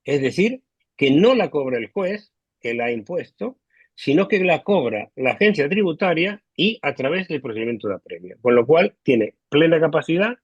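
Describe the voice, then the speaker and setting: Man, low quality stream, dull lo-fi call sound, dry close audio, measured legal explainer, hesitant fillers. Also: very animated, husky, no room sound. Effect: low quality stream audio, connection dropping. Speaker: legal expert guest. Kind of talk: explaining law in a remote interview. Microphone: video call.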